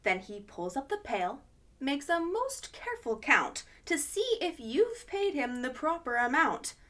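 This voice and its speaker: A woman's voice: high voice, big pitch swings, measured pace, fairly bright tone. A woman hosting a children's storytime, reading a picture book aloud expressively with gasps of wonder.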